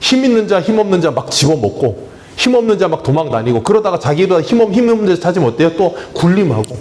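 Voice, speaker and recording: A male pastor preaches in a church with a voice pitched a little high for a man, swinging up and down as he talks. He keeps putting questions to the congregation and answering them himself, in a chatty, humorous way. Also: very animated, quick pace, darkish tone. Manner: conversational, plain-spoken preaching with touches of humor. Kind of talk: sermon. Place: church sanctuary.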